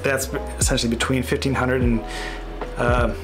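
A man's voice: medium pitch, little pitch movement, normal speed, music in the background. A man in his thirties, a real estate agent, giving a casual screen-share market update, thinking aloud with fillers and self-corrections.

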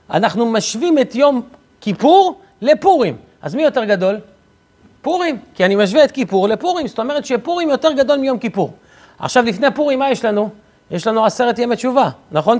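Male rabbi, high register, lively storyteller who voices the characters in his stories. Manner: lively storyteller, acts out dialogue with shifts of pitch. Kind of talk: Torah lesson with jokes and stories.

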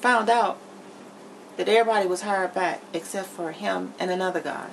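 Cooking in her kitchen at home, this middle-aged vlogger talks straight to camera in a blunt, emphatic, candid way. She has a gravelly mid-range voice and a moderate pace. The audio is poor, with noticeable kitchen background noise.

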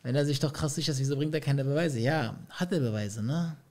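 A man's voice: mid-range voice, brisk, a little mellow. A man reacting to a clip, musing aloud in casual slang and putting questions to his viewers. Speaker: reaction streamer.

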